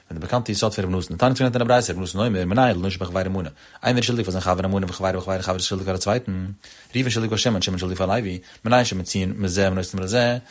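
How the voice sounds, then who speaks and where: A man teaching a traditional text study lecture, his voice husky and somewhat low. He talks fast in a sing-song study cadence that jumps up in pitch now and then.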